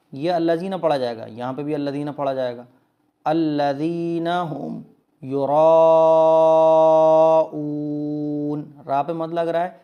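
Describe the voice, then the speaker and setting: A man teaching Quran recitation, quickly explaining each word and then reciting it slowly and drawn out. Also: mid-range voice, dark tone, highs cut off. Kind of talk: step-by-step recitation lesson.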